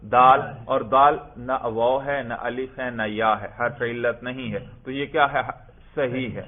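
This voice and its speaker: A man's voice: medium pitch, steady tone. A man teaching a classroom grammar lesson who asks questions and answers them himself, and recites text in a chanting tone. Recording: tinny phone-like lecture recording.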